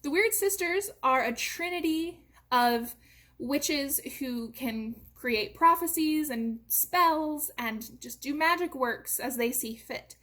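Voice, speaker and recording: A young American woman talks through her subject in a lively, explanatory way, often pausing on "uh" and "um" as she goes. Her voice sits a little high for a woman. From United States. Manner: lively explanatory delivery with frequent fillers. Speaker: theatre company educator. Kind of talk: informal educational talk.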